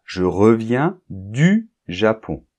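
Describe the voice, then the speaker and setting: Slow, patient male French teacher. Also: on the low side, big pitch swings, a little mellow. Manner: patient, often checks understanding with "d'accord?"; speaks directly to one learner, reads example sentences aloud. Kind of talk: grammar lesson for learners.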